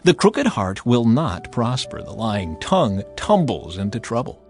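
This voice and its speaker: An audio Bible narrator, a man with a mid-pitched voice, gives a dramatized scripture reading using lively, varied intonation. His delivery stays measured and declarative over faint background music.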